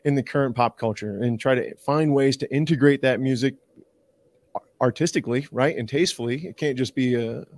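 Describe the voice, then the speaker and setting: A man's voice: mid-range voice, fairly quick, a little mellow, no room sound. Eager Canadian man, dry close sound. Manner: eager, rambling, many restarts. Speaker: university director of bands, guest. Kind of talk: casual interview chat.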